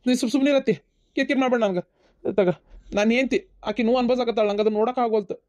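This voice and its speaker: A woman's voice: a little high, racing, darkish tone, no echo, natural voice. A woman voicing a tearful young husband who is devoted to his wife, in a cartoon, with a North Karnataka accent and an earnest, emotional way of talking. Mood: indignant. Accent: North Karnataka Kannada. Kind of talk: cartoon voice acting. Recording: dull lo-fi sound.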